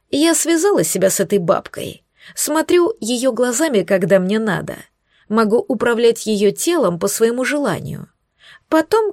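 A woman voicing a scornful, smug young female witch who mocks and threatens in slow, hissing tones, recorded dry and close. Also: on the high side, darkish tone, dry recording. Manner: mocking, hissing, drawn-out threats.

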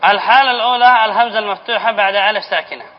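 A male teacher giving a classroom lesson on spelling rules, repeating key phrases, asking the class questions and then answering them, and dictating example words slowly. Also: sits high. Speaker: Islamic studies teacher. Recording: dull lo-fi lesson recording with faint hiss.

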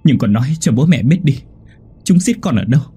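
A man voicing a desperate father who shouts in anguish to his dead son. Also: mid-range voice, lively intonation, normal speed, husky, soft background music. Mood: pleading.

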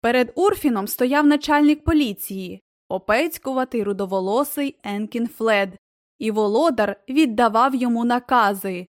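A woman giving a gentle, expressive scripted reading of a children's tale. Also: on the high side, normal speed, no room sound, clean studio sound. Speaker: audiobook narrator.

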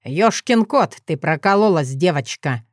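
A woman's voice: low voice, animated, a little slow, no echo, studio quality. Woman doing a sneering dragon lord. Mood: sardonic. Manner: ironic, sneering drawl. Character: haughty dragon lord, adult man, sardonic.

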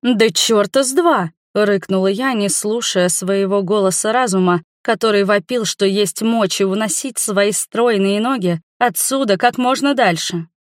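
A woman narrating a fantasy novel in the first person, with a lively, expressive reading. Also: medium pitch, moderate pace, hardly any pauses, no echo, studio quality. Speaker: audiobook narrator.

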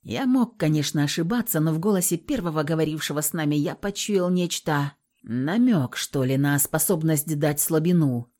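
A woman narrating an audiobook in a lively, expressive storytelling manner. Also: low-pitched, normal speed.

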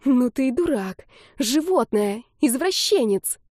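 A woman voicing an indignant young woman who hisses insults and snaps into shrill outbursts. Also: expressive, unhurried, darkish tone, no room sound, clean studio sound. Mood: furious.

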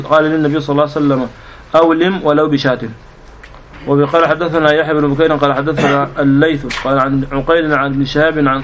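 A man with a Sudanese Arabic accent reading hadith aloud to his teacher in a quick, level recitation, sometimes restarting a word. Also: a little high, highs cut off, slight background noise. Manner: fast, even reading with small restarts.

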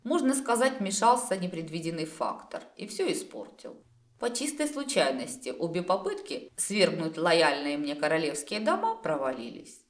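A quick-tempered goddess creator in a storybook, sharp and ready to flare up, as a woman reads her. Her voice sits low but rises and falls a lot. The room adds a clear echo. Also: wildly swooping pitch. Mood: amused. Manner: sharp, hissing when angry.

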